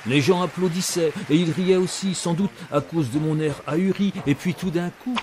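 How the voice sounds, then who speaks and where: This audio-fiction narrator, an actor, tells in the first person of a circus mishap from his boyhood, drifting between hushed tones and excitement as a wistful, vivid storyteller. The pitch is fairly high, the pace moderate, the delivery close to everyday talk, and the mood excited and vivid; music plays underneath and the recording is very noisy.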